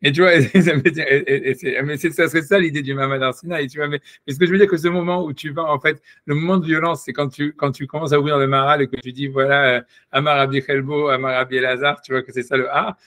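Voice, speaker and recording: A man's voice: a little high, level tone, fast talker, hardly any pauses, fairly bright tone, no room sound. A man giving a rambling, casual Torah discussion, full of restarts and asides to his listener. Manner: rambling, many restarts and "tu vois". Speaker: Torah teacher.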